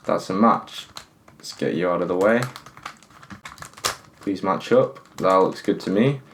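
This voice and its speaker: A low-pitched man at a measured pace, with slight background noise, chats casually while solving a puzzle for his channel. Exasperated, he begs the stiff puzzle to cooperate and counts pieces out loud as he reasons.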